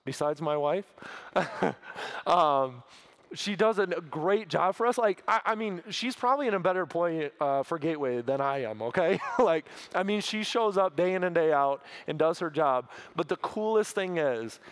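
A man giving an earnest, emotional conference talk about his ministry, halting often with fillers. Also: fairly high pitch. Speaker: ministry speaker.

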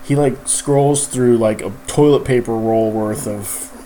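A man's voice: mid-range voice, a little slow, mellow, slight background noise. A man hosting a podcast, telling a long rambling story in casual chat, full of fillers and laughing as he goes. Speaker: podcast host.

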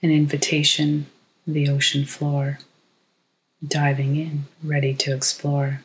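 A narrator gives a guided meditation in a hushed, measured voice, reading short poetic phrases with long pauses. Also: medium pitch, completely flat delivery, a little hiss or hum, low-quality recording.

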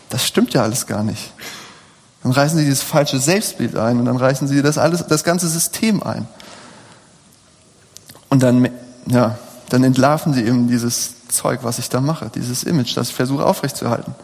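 A man's voice: mid-range voice, husky. A man in his thirties preaching a sermon in a conversational way, often putting rhetorical questions to the audience. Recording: long hall reverb.

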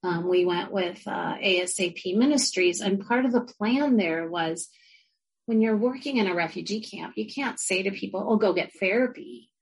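A woman who works as a social worker and university educator, with family from Argentina, answers interview questions earnestly and reflectively, with frequent fillers and restarts. Her mid-range voice is slightly rough and moves at a moderate pace. The recording itself is rough.

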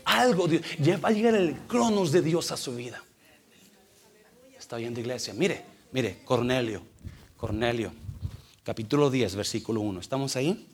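A man preaching a sermon in a church, telling a story with big swings from loud to hushed. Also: medium pitch, lively intonation, moderate pace, pauses often. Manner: emotive, swings from loud to hushed, mixes in English fillers. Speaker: pastor.

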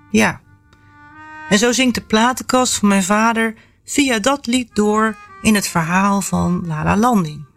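A woman author reading from her own novel, then talking about the memories behind it in a lively, storytelling way. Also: mid-range voice. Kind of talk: novel reading and personal reflection.

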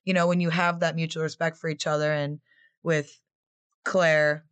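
A woman's voice: low voice, moderate pace, clear, resonant tone. A woman in her twenties, a former player turned assistant coach, answering interview questions in a chatty way. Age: 20s. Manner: chatty, animated storytelling with quoted voices.

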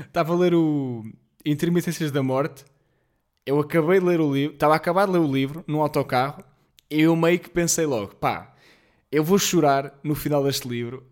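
A man's voice: a little high, normal speed, pauses often. Rambling young man from Portugal. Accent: European Portuguese, Lisbon slang. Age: 20s. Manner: rambling, slangy, self-deprecating, many fillers; apologetic about being jittery and off rhythm. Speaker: podcast host. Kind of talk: casual solo podcast monologue.

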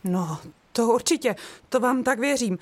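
A woman's voice: fairly high pitch, lightly acted. Woman doing a fussy bureaucrat elephant in a storybook, officious, raised voice. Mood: indignant. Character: pompous bureaucratic male elephant guard.

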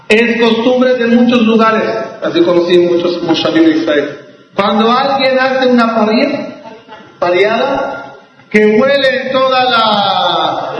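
A man teaching a religious law lesson as a rabbi, deliberate, with restarts and rhetorical questions. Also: high voice. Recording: echoey hall, distant mic, dull sound.

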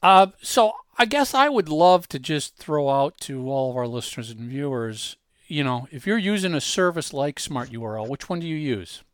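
Slightly high in pitch and lively in intonation, this man's clean, echo-free voice comes through a clean studio recording. As a podcast host in a conversational demo style, he is emphatic and keeps restarting words haltingly.

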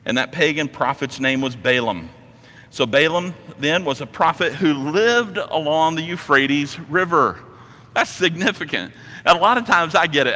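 Male pastor, forceful and bright tone, storytelling sermon delivery, echoing sanctuary. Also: on the high side. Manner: emphatic storytelling with repeated phrases.

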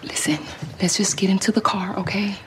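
A woman's voice: mid-range voice, steady tone, normal speed, fairly bright tone, slight background noise, lightly acted. An actress playing an exasperated young woman in a TV drama, blunt and pleading by turns. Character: exasperated young woman trying to calm a fight. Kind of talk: TV drama dialogue. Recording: voices of a crowd behind.

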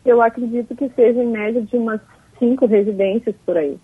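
A woman mayor being interviewed over a crackly phone line, talking haltingly and repeating words. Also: a little high, steady tone, husky. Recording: tinny breaking-up phone line.

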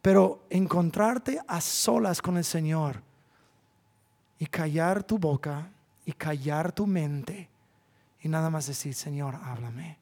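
A man, a pastor preaching a sermon in church, swinging from loud, drawn-out appeals to hushed asides. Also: fairly high pitch, gravelly.

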